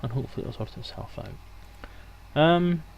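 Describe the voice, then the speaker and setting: A man's slightly high, gravelly voice comes through lo-fi audio with a touch of hiss or hum. He speaks a little slowly but expressively, hosting a live stream on a headset mic and chatting to viewers in a rambling, jokey manner.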